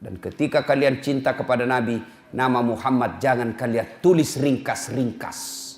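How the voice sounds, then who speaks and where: A man preaching a humorous sermon, animated and joking, acting out little dialogues. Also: mid-range voice, moderate pace. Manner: animated, jokes and acts out dialogue.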